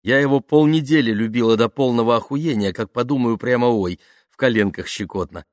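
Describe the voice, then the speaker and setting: A man reading an audiobook, voicing a bold, gossipy teenage girl with a lively, blunt manner. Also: medium pitch, brisk, no echo, studio quality, pitched above the performer's own voice, natural voice.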